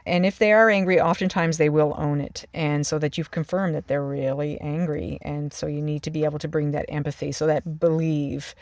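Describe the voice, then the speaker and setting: An emergency department clinician giving an instructional talk in a calm, measured way, often restarting and repeating words. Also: medium pitch, dry recording, clean studio sound. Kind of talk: instructional talk on calming angry patients.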